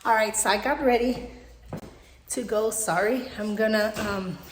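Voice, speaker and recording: A woman's voice: mid-range voice, measured pace, a little hiss or hum. A woman chatting casually to her viewers, rambling with lots of fillers as she walks around her house. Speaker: vlogger. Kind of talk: casual vlog chat. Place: at home, walking through rooms.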